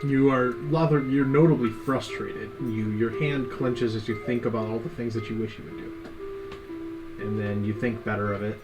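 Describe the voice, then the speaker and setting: A man guides the table as game master, laying out the scene in a calm, descriptive way. His voice sits at an ordinary pitch. Music plays clearly behind him. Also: moderate pace, rough recording. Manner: calm, descriptive narration with casual fillers. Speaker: dungeon master.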